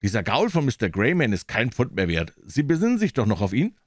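A man's voice: mid-range voice, wildly swooping pitch, a little fast, dry recording, clean studio sound. A man playing a coarse, blunt stable hand who speaks with contempt. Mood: scornful.

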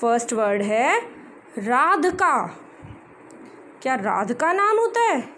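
A woman teaching young children, reading words slowly syllable by syllable and mixing in words. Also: on the high side, sing-song, fairly bright tone, slight background noise, low-quality recording. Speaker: primary school teacher. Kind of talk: slow classroom lesson.

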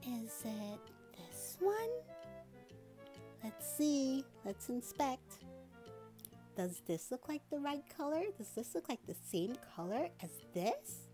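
A woman hosting a toddler learning video, talking through a color puzzle with a puppet in a slow, exaggerated, gushing sing-song way. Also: on the high side, expressive, mellow, soft background music. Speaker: children's video host.

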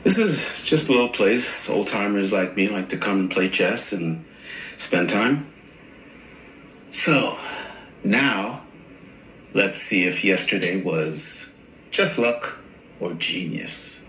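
A gentle therapist who talks in a deep, unhurried voice and probes softly. The clip sounds roomy, with faint music underneath. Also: male voice, slight background noise. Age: older. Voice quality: deep, slow and calm. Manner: measured, softly probing. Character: gentle older male therapist grieving a lost daughter. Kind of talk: scripted drama clip.

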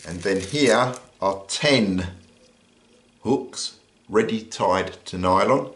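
An older British man, easygoing and relaxed, goes through a survival kit one item at a time, often pausing with "uh." His voice sits on the low side and the room sounds spacious. It's a casual show-and-tell at an indoor table, filmed by an overhead camera on his hands with him out of frame.

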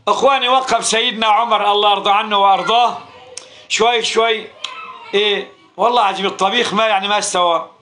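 A man with a Syrian accent preaching a Ramadan sermon in a mosque, telling stories with fervour and calling out to the congregation as his brothers. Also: sits high. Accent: Syrian Arabic. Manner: fervent, animated, addresses listeners as brothers.

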